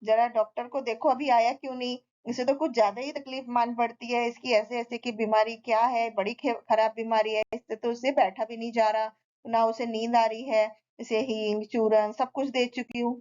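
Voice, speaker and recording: A woman's voice: on the high side, flat delivery, normal speed, a little mellow, lightly acted. A woman voicing a worried mother who fusses and exclaims over her sick son, in a slightly dull recording. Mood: fretful.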